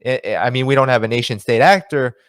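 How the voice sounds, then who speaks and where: A man hosts a solo commentary stream, reading passages aloud and then talking them through in a loose, conversational way. His pitch sits in an ordinary middle range, and the sound is close and dry, with no room echo. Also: fairly quick, fairly bright tone, clean tone. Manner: conversational, many fillers and restarts, reads quotes aloud. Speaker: political commentary host.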